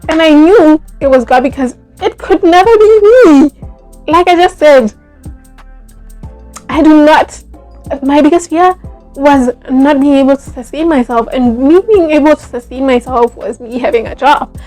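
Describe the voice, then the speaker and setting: A young woman, telling a personal story in a casual, animated vlog, full of fillers like "like" and "yo". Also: high-pitched, a little slow, faint music behind. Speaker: vlogger.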